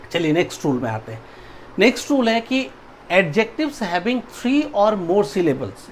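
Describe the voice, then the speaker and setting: Slight background noise sits under a male teacher's high voice as he presents a grammar video lecture. He spells words letter by letter and repeatedly checks comprehension with "ठीक है" and "समझ में आया?".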